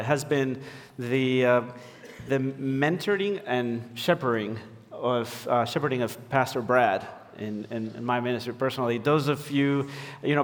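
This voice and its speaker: A man's voice: mid-range voice, in a large hall. A man from Ecuador preaching as a pastor, hesitant with many fillers and restarts. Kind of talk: sermon. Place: church sanctuary.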